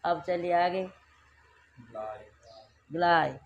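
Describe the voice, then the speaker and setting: A man's voice: high voice, steady tone, extremely slow, vocal fry, lo-fi sound, slight background noise. A man teaching Sanskrit grammar to a class, repeating verb forms and quizzing students with questions.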